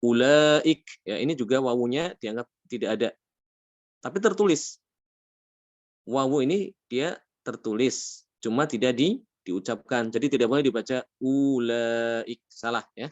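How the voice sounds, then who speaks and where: A man teaching a tajweed class, patient, asking his students questions and drawing out Arabic words slowly. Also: medium pitch, a little mellow, dry recording, dull audio. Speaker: Quran recitation teacher. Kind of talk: tajweed lesson.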